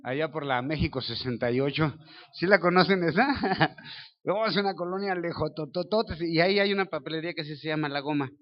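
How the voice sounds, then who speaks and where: A Mexican pastor preaches a sermon with a Mexican Spanish accent, telling the story vividly, acting out dialogue voices and asking listeners questions. His fairly high voice runs a little fast, and the audio is dull with a big-room sound.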